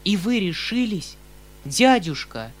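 A man's voice: sits high, sing-song, slow pace, pitched above the performer's own voice, exaggerated voice. A man voicing an alarmed young nephew. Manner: alarmed, protesting. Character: anxious young male nephew, earnest. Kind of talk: audiobook character reading.

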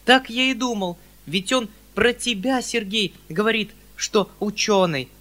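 A man voicing a flustered, kindly middle-aged landowner who pleads excitedly with his family. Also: high-pitched, unhurried, pitched above the performer's own voice. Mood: pleading.

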